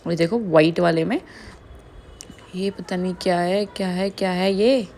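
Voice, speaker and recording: A woman's voice: on the low side, fairly even intonation, normal speed, vocal fry, darkish tone, slight background noise. A young woman from India, a chatty vlogger doing a casual voice-over who often laughs.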